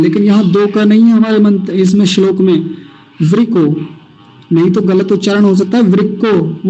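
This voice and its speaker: Over a video call with dull audio, a man teaches Sanskrit verse pronunciation to an online class. His voice sits high and sounds mellow, and he slowly drills each syllable, having students repeat after him.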